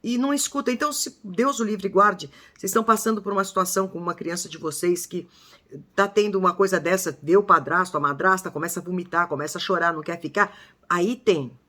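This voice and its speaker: Bright-voiced older woman vlogger. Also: lowish voice, quick pace. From Brazil. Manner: emphatic, acts out quoted speech. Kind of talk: casual monologue to viewers.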